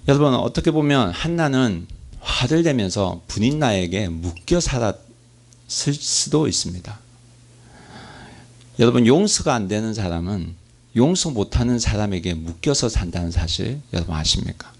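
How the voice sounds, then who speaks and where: A man's voice: fairly low pitch, lively intonation, moderate pace. A man pastor preaching a sermon, asking his congregation questions and acting out prayers.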